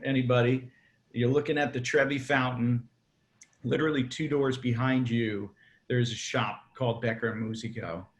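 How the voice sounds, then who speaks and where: Brief: male cigar maker, laid-back rambling storyteller, lots of ums, casual interview. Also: medium pitch. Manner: rambling storyteller, many fillers.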